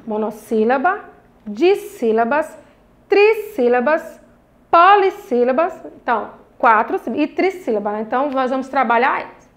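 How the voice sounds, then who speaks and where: In a recorded lesson for children, a young woman from Brazil speaks with a Brazilian Portuguese accent, her high-pitched voice animated and a little slow. As a primary school teacher, she stays patient and encouraging, pulling out each syllable of the words.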